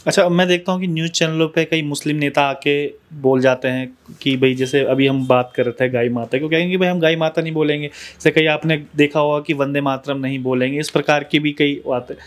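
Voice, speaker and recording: A man's voice: a little high, steady tone, fairly quick, hardly any pauses. A male reporter interviewing a guest for a news channel, pressing with pointed questions and insisting his question be understood.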